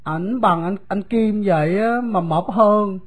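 A woman with a Southern Vietnamese accent voicing a poor, gentle young boy who talks in a soft, plain, confiding way. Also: mid-range voice, takes it slowly.

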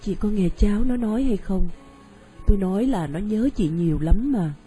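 A woman's voice: medium pitch, moderate pace, dark tone, soft background music, natural voice, poor audio. A woman voicing a coaxing friend. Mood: urging. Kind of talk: radio drama acting.

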